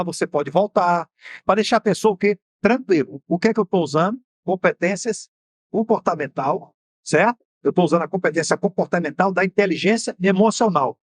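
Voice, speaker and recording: A man's voice: high-pitched, quick pace, dry recording, clean studio sound. A Brazilian man with a Bahian accent hosting a TV program, explaining in a didactic way and asking rhetorical questions. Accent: Brazilian Portuguese, Bahian. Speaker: TV show host and mentor. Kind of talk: explanatory TV talk on finance. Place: TV studio.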